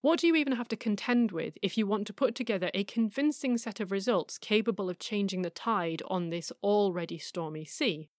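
A middle-aged woman hosts a scripted podcast, speaking in a measured, emphatic way. She poses rhetorical questions and drops wry asides. Her voice sits at an ordinary middle pitch in a dry, close recording. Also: dry recording. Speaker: podcast host.

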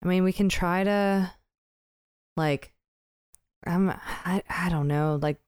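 A woman chatting casually as a player in a tabletop role-playing game, hesitant yet animated. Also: on the low side, slow, clear, resonant tone, dry recording, studio quality. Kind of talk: casual improvised role-play chat.

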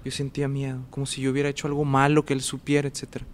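Animated man telling a story. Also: medium pitch, very fast, a little hiss or hum. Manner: animated, acts out dialogue and sounds. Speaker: guest telling his vocation story. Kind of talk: casual storytelling.

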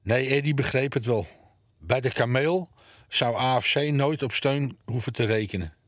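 A man narrating a children's book as scripted narration, in a measured, even storytelling manner. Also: medium pitch, no room sound, studio quality. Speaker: audiobook narrator.

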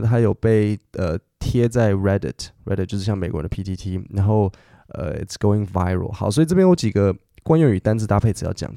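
A man's voice: fairly low pitch, vocal fry, mellow, dry recording, studio quality. A middle-aged man, hosting a podcast English lesson and explaining patiently with fillers and self-corrections. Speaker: English teacher and podcast host.

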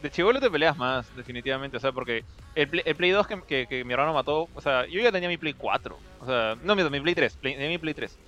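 Fast-talking Peruvian man with a bright voice. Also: a little high, soft background music. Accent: Peruvian Spanish. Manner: rambling, many restarts, relaxed slang. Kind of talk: casual chat, storytelling.

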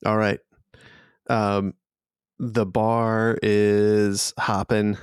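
A man narrating as game master of a tabletop game, slow and often laughing. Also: on the low side, little pitch movement, clear, resonant tone, no room sound, studio quality.

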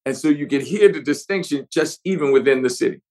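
A middle-aged actor with a New Orleans accent, telling stories expansively in an interview and acting out examples with pitch swings. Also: male voice, brisk, darkish tone, poor audio. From New Orleans, USA. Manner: expansive storyteller, shifts pitch to act out examples. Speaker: actor guest. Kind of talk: animated interview talk.

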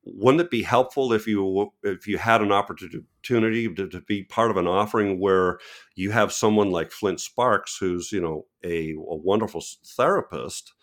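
Man, deep voice, reflective, restarts often, podcast guest photographer. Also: moderate pace. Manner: reflective, frequent restarts and self-corrections. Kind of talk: conversational podcast interview.

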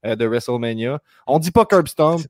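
A man's voice: medium pitch, animated, dry recording, clean studio sound. A man with a Québécois French accent hosting a podcast, reeling off news items in casual chat. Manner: quick news rundown, lists words rapidly. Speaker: podcast host.

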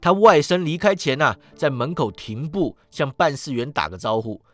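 A man reading a storybook aloud as a storyteller, animated and dropping in many interjections. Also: fairly high pitch, moderate pace, faint music behind.

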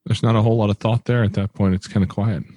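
Low-key man with a deeper, dry voice. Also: steady tone, fast, warm tone, dry recording. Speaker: participant in a guided exercise. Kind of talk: brief conversational responses.

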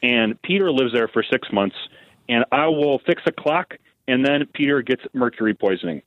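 A man calling in on a payphone line from prison, rambling and pushing a half-baked idea like a pitchman. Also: expressive, moderate pace, no echo. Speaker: caller. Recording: dull lo-fi phone line.

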